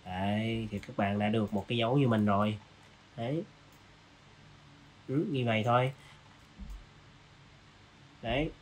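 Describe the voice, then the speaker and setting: A man hosting a design software tutorial, casually walking through each step with lots of fillers. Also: lowish voice, unhurried, pauses often, slight background noise. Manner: casual, walks through steps with many fillers. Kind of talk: screen-recorded software tutorial.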